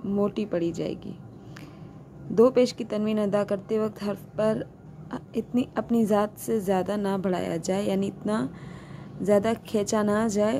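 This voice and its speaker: A woman teaching Quran reading, patiently spelling out each sound and repeating it slowly. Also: mid-range voice, mellow, slight background noise. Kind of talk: slow recitation lesson.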